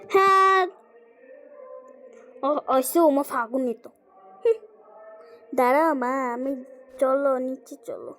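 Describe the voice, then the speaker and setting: A woman's voice: high-pitched, expressive, takes it slowly, pauses often, a bit bright, faint music behind. A woman acting out a one-person family skit, switching between a mother and her children.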